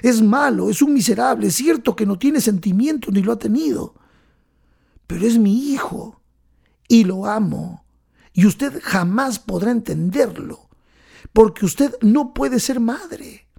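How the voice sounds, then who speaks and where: Man playing a crying mother, pleading, husky, gravelly, higher voice. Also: dark tone, heavily acted. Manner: tearful, pleading, drops to a whisper. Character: grieving mother pleading for her son.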